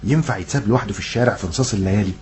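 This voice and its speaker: A man's voice: on the low side, darkish tone, slight background noise, natural voice. An actor playing a cheeky, mocking young man in a comic radio drama, speaking with an Egyptian Arabic accent and firing off sarcastic banter. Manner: rapid, teasing, sarcastic banter. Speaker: son, comic lead.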